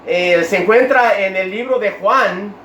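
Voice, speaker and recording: A man's voice: high-pitched, measured pace, a bit bright. A man preaching an informal sermon, retelling Bible stories and speaking straight to his listeners, often stopping to rephrase. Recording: echoey room, voice far from mic, faint hiss.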